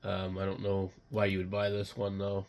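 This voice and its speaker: A man who is under the weather, giving casual, unscripted commentary while browsing online, muttering in a halting, blunt way. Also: low-pitched, completely flat delivery, gravelly, darkish tone. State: sick, occasional coughing and throat clearing. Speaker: radio hobbyist vlogger.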